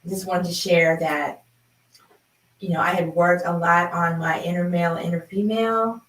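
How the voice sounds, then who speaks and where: A woman's voice: on the low side, moderate pace. Woman in her 50s just chatting away, telling a story, kinda far from the mic in an echoey room. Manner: chatty, animated, laughs while telling. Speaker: sound healing host. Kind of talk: personal storytelling. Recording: roomy, from a distance.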